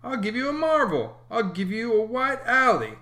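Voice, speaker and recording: A man reading aloud and voicing a mischievous boy who coaxes and bargains in a lively, persuasive way. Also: very high voice, moderate pace, voice pushed up, exaggerated voice. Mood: wheedling.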